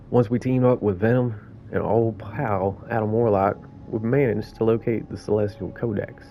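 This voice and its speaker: A man's voice: lowish voice, lightly acted. A man reading the lines of a sarcastic male raccoon mechanic in a game, with a weak put-on New York accent. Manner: reading game dialogue aloud. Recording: muffled lo-fi audio, faint game music.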